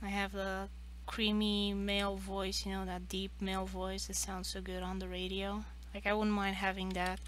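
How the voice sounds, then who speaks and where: A woman's voice: medium pitch, completely flat delivery, normal speed, few pauses, a little hiss or hum. A woman in her late twenties chatting casually on a livestream, hesitant and rambling as she talks. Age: late 20s. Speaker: streamer and artist.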